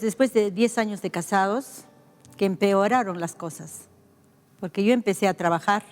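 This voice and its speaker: An older woman pastor from Peru, with a Peruvian accent, telling her life story as a personal testimony, reflective and heartfelt, pausing and restarting. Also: medium pitch, big-room sound. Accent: Peruvian Spanish.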